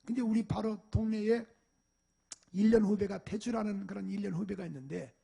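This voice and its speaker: High, gravelly-voiced Korean pastor preaching. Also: male voice, moderate pace. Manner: animated storytelling, acting out parents and shouting at a dog. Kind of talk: sermon with personal stories. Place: church sanctuary.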